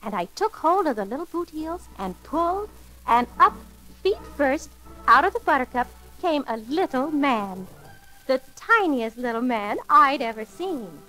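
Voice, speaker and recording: Woman, children's record storyteller, high voice, sweet and gently theatrical. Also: very animated, measured pace, soft background music, low-quality recording. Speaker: storyteller and host. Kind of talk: 1940s children's record narration.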